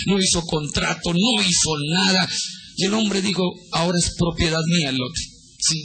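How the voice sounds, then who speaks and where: A man preaching a sermon to his congregation, asking them questions and dropping to a low, hushed voice when he retells events. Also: rough recording. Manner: swings between raised emphatic lines and low hushed retellings. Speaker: pastor.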